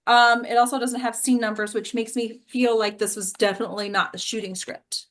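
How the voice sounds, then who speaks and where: Leading a small acting class, a woman speaks a little fast in a fairly high, level voice. She keeps it conversational, regularly tossing in check-ins such as "right?".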